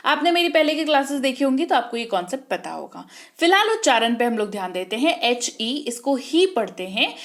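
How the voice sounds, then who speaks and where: A woman teaching an online spelling lesson who asks the class questions and answers them herself, spelling out words slowly and repeating them. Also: high voice, sing-song. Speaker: English teacher.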